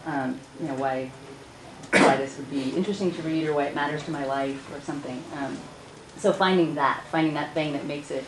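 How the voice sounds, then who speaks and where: A low-voiced woman talks fast and chatty on a conference panel, laughing often. The room is echoey and a steady noise sits under her voice. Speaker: author on a panel.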